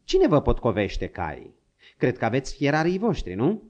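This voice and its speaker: Man playing a grumbling old hunter, gruff and crafty, swooping lively pitch, dull lo-fi sound. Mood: sly. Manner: grumbling, scolding, coaxing.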